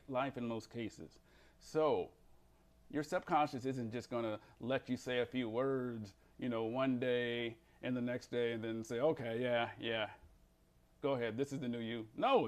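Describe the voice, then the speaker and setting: A behavior change counselor delivers a motivational self-help talk, his manner shifting between emphatic, animated bursts and a slow, low, calm voice.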